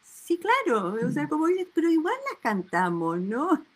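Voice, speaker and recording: Woman, co-host, very high pitch, chatty, seeking agreement. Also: very animated, measured pace. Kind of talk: studio interview.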